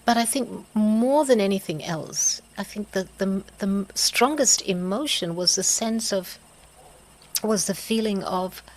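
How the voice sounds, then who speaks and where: A middle-aged woman speaking in a halting, reflective way, pausing often and letting out soft laughs and sighs. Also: mid-range voice, lively intonation, rough recording. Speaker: host of a reflective video series. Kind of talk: slow personal reflection.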